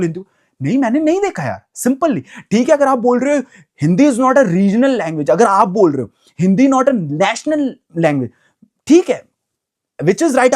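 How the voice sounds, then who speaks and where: A man's voice: high-pitched, a little mellow. A young man giving an emphatic, repetitive opinion rant to camera as a vlogger, mixing in English phrases.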